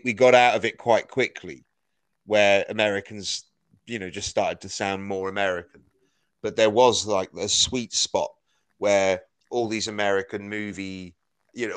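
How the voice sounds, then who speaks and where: Rambling, low-voiced male podcast co-host. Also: fairly bright tone, smooth. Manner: rambling, heavy use of "like". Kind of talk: casual film review chat.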